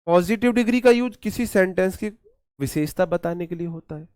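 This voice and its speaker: A man teaching English grammar for exam preparation, repeating words slowly and calling his students "brother". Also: high voice, darkish tone, smooth, dry recording, studio quality. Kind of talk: exam-prep lecture.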